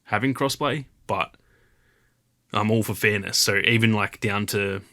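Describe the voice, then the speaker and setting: Male podcast co-host, lowish bright tone, loose rambling chat. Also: unhurried, gravelly. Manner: rambling, filler-heavy, animated retelling. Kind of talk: casual chat.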